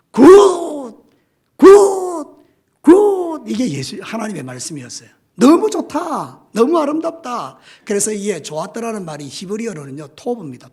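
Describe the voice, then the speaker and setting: A man preaching a sermon as pastor in a church, telling the story vividly and acting out voices and shouts. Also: sits high, slightly rough. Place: church sanctuary.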